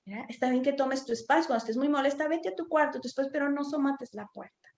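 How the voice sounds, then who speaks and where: A woman's voice: high voice, quick pace. A woman, a psychotherapist giving an informal talk to parents, conversational, often checking in with tag questions. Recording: echoey room.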